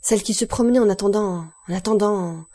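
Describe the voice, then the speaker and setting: A woman's voice: mid-range voice, fairly quick, dark tone, natural voice. A woman voicing a frightened, agitated older male steward in an audiobook, breathless and exclamatory. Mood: panicked.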